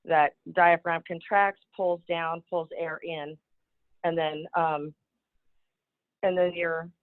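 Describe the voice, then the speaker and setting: A woman's voice: lowish voice, flat delivery, slow pace. Female student, hesitant, thinking aloud, tinny phone-like audio. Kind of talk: online class discussion.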